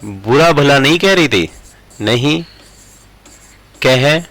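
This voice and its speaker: Bright male teacher. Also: medium pitch, animated, no room sound, rough recording. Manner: slow word-by-word dictation, repeating phrases. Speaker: English teacher. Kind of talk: explaining grammar while writing examples.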